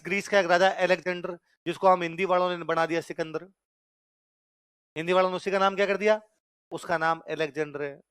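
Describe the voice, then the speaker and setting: A male history teacher with a Rajasthani Hindi accent lectures a classroom in a fairly high voice. His tone is smooth and resonant, and the sound is dry and close. He keeps repeating questions for the class to answer back. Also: a bit bright, no room sound.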